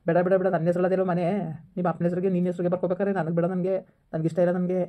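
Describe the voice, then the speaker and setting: A man's voice: high-pitched, little pitch movement, racing. A man in a scripted family drama, angrily and insistently scolding his wife over a phone call. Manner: angry, insistent, repetitive scolding. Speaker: husband in a family skit.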